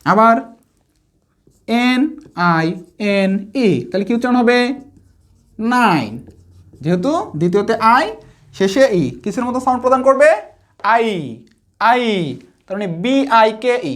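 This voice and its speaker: A woman's voice: fairly high pitch, normal speed. A woman teacher giving a phonics lesson, patiently spelling out letters and asking her pupils questions.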